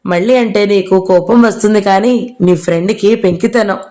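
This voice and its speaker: A woman's voice: medium pitch, moderate pace, dark tone, close to an everyday voice. A woman reading a curt stern young man.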